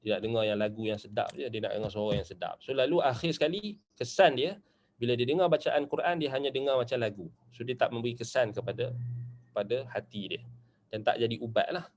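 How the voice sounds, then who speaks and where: A man's voice: medium pitch, fast talker, slight background noise. A man with a Malaysian Malay accent teaching a religious class in a loose, conversational way, dotting his points with short asides and checks for agreement. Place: Islamic study centre classroom.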